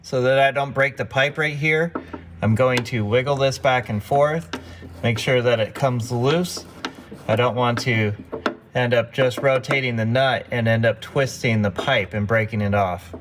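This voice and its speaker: A man with a mid-range, slightly bright voice talks unhurriedly, with a little hiss or hum in the audio. He is the host of his own workshop videos, walking through a car repair step by step in a practical, instructive way.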